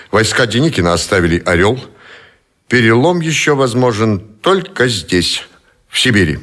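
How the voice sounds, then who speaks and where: Deep-voiced commanding admiral. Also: male voice, a bit bright. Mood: resolute. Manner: authoritative, commanding. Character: proud, embittered admiral, supreme commander of a losing army. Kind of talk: Russian radio drama acting.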